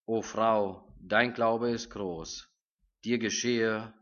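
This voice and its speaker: Casting: man reading a calm, authoritative male teacher from scripture, measured and even; muffled lo-fi sound. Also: lowish voice. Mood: solemn.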